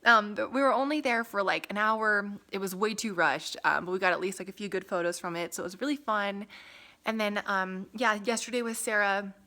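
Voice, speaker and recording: A young woman from Las Vegas chatting casually to her camera, full of "like" and "um" and quick laughs. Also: mid-range voice, pushed and bright. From Las Vegas, USA. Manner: chatty, lots of "like" and "um", laughs often. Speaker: vlogger. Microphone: phone camera.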